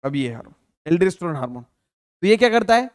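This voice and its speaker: A man with a fairly high voice teaches a biology exam-prep lesson. He keeps firing questions at his students and answering them himself, calling them dear and leaning on fillers. The sound is close and dry, with no room echo. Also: very animated, quick pace. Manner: calls listeners beta, many fillers like theek hai. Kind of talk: Hindi exam-prep lecture.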